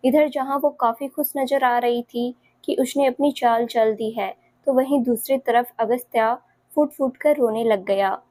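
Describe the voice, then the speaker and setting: A woman narrating a dramatic family story in a steady storytelling manner. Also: on the high side, dry recording.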